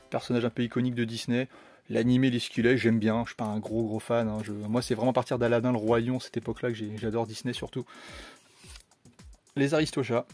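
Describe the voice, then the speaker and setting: A man's voice: medium pitch, darkish tone. A man casually presenting his homemade collection in a chatty, rambling way, with many fillers and restarts. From France. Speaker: steelbook collector vlogger.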